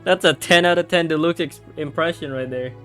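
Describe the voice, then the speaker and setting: A woman's voice: low-pitched, fairly quick, soft background music. A woman giving casual game commentary, tossing in joking, slangy reactions. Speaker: gameplay streamer.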